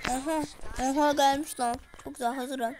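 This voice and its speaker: Excitable high-voiced woman gamer. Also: normal speed, noisy background. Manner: excitable, exclaiming, talking to viewers. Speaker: gaming streamer. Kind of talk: casual gameplay commentary. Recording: music playing in the background.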